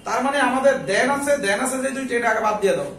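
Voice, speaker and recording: A man's voice: extremely high pitch, very fast, fairly bright tone, roomy sound, far from the mic, a little hiss or hum, low-quality recording. A man tutoring a live English class, coaxing his students and repeating his questions back to them.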